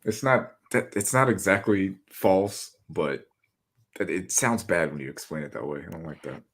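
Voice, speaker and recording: A man's voice: deep voice, normal speed, fairly bright tone. A man appearing as a guest on a casual sports podcast, talking in a laid-back, rambling, self-conscious way.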